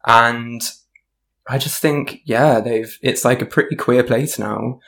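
Chatty man with a gravelly voice. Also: mid-range voice, slow pace, a bit bright. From half Irish, half Indian family. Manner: chatty, enthusiastic, many fillers like "like". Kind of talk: casual chat.

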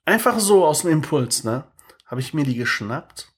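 A man in his thirties co-hosting a podcast, telling a story in lively casual chat and tagging his sentences with "ne?". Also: fairly high pitch, normal speed. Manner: animated, tags sentences with "ne?". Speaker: podcast co-host.

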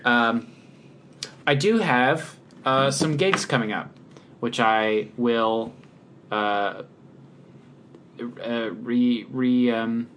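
A man from talks casually on a podcast, stumbling through ums and uhs at an unhurried pace. His voice sits in an ordinary middle range. Faint noise hums under the recording. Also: medium pitch. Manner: relaxed, hesitant with many ums and uhs. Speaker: podcast co-host and local musician.

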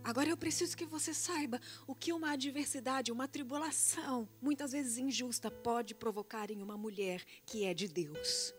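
A woman's voice: on the high side, moderate pace, few pauses. A woman preaches with emphatic, repetitive cadences, leaning on refrains to drive her points home. Faint instrumental music plays behind her voice. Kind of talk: sermon.

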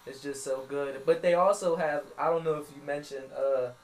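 A man's voice: on the high side, fairly even intonation, moderate pace. A man in casual sports debate, blunt and opinionated, with slangy phrasing. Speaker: guest sports fan and barber. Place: echoey room during a haircut. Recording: roomy echo, electric razor buzz.

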